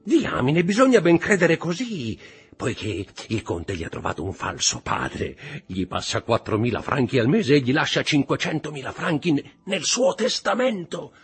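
A man's voice: fairly high pitch, sing-song, normal speed, husky, faint music behind, pitched above the performer's own voice, full character voice. A man voicing a cowardly male bandit who stammers, whines and pleads. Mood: eager.

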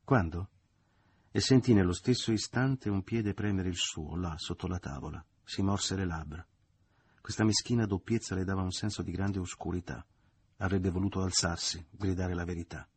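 Male audiobook narrator, low register, husky texture, measured literary reading. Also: darkish tone. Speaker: audiobook reader.

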